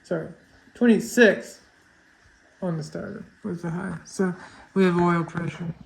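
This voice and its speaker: A man's voice: sits high, fairly even intonation, a little slow, vocal fry, slight background noise. A man casually explaining engine work as he goes, offhand and joking. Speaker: race car builder. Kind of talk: casual shop talk. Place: garage. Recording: echoey garage, far from the mic.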